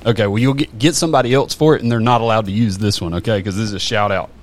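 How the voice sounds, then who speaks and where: Man, low voice, casual podcast chat, lots of ums and restarts. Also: rapid-fire. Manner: rambling, many fillers and restarts. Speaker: podcast guest. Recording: faint background noise.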